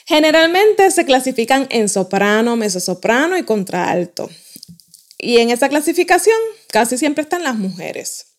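A woman giving a lesson on the speaking voice, explaining its qualities in a clear, measured way and speaking straight to her listeners. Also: fairly high pitch. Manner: clear, measured teaching with direct address to listeners. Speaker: voice coach.

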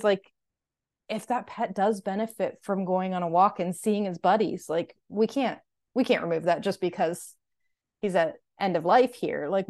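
A woman's voice: medium pitch, a little mellow. A woman who is a veterinary technician, explaining in casual educational podcast talk, chatty and full of "like" and "kind of". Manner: chatty, heavy use of "like" and "kind of".

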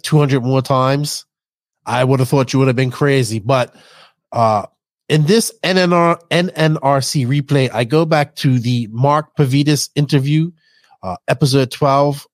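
A man with a softened Bermudian accent hosting a podcast, reminiscing casually in a rambling way and correcting himself as he goes. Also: mid-range voice, dry recording. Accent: Bermudian, toned down. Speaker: podcast host.

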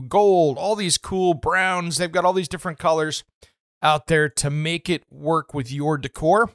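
A man's voice: on the high side, no echo, studio quality. Chatty home improvement radio host, man. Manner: chatty, relaxed, many "uh" fillers. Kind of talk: casual product talk on radio show. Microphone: studio microphone.

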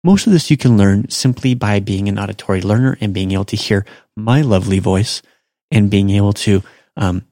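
A Japanese language teacher hosts a podcast lesson, walking through points step by step and repeating each example in a casual, self-deprecating way. His voice is lowish and dark, recorded in clean studio sound with no echo.

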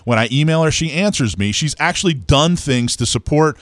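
A man's voice: on the high side, expressive, brisk, fairly bright tone, no echo. A man hosting a talk radio show, speaking informally and emphatically, repeating points to drive them home. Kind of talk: talk radio commentary and banter.

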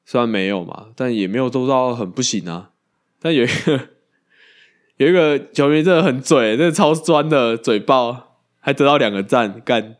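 A man, co-hosting a casual baseball podcast, animated and quick to laugh and swear. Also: mid-range voice. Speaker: podcast co-host.

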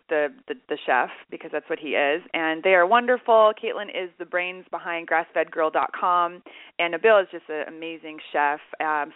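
A woman's voice: on the low side, no echo. Female radio host, chatty and effusive, dry phone-quality audio. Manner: effusive, informal. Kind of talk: casual chatty interviewing.

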